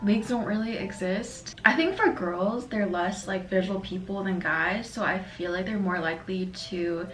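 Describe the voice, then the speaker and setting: A woman in her twenties chatting casually while she eats, upbeat and full of "like", with a fairly deep voice for her age. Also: normal speed, few pauses, a bit bright, echoey room. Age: 20s. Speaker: vlogger. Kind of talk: casual chat while eating. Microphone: compact camera.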